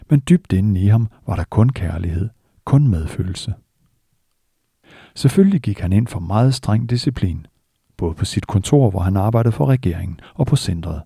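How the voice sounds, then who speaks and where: A man giving a slow, measured, earnest spiritual discourse as a meditation teacher. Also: on the low side, gravelly, warm tone, slightly rough, no room sound, studio quality.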